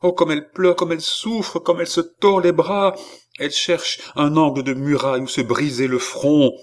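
A man's voice: little pitch movement, moderate pace, natural voice. A man voicing a young woman in a trance who describes visions urgently and anxiously, in an audiobook reading. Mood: anguished. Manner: high, trembling, urgent visionary telling. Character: young woman, entranced seer, anguished.

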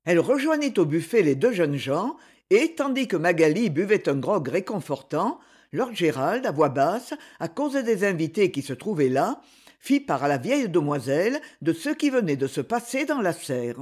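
A narrator reading a romance novel aloud in an expressive way. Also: mid-range voice, normal speed, slightly rough. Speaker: audiobook narrator.

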